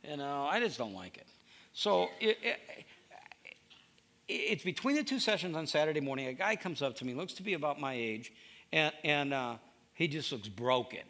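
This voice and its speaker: A middle-aged male pastor with a fairly high, creaky, slightly bright voice delivers a conversational sermon. He tells stories, acts out quoted dialogue, and frequently restarts his sentences.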